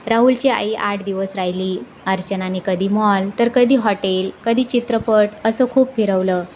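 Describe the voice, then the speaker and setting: Woman in a measured storytelling read. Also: medium pitch, steady tone, a little mellow, slight background noise. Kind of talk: scripted narration of a moral story.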